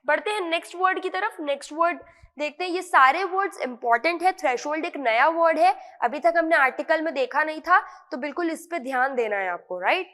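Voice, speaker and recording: A woman's voice: high voice, brisk, fairly bright tone, long reverb tail. A woman with an Indian accent teaching English vocabulary in an online lesson, repeating words and checking in with her students often.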